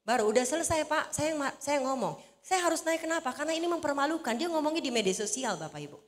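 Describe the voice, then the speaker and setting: A woman evangelist giving a lively, casual sermon in a church, chatty and teasing with the congregation. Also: high-pitched, fast. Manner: chatty, teasing, coaxes the congregation to repeat after her. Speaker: evangelist preacher. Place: church hall. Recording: echoey church hall.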